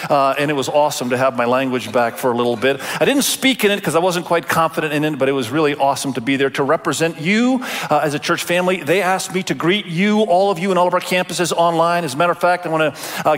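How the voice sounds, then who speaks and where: Preaching a Sunday sermon in a large church auditorium with long reverb, a middle-aged male pastor raised in Indonesia speaks in a fairly high pitch. His delivery is warm and conversational, relaxed and full of fillers and restarts.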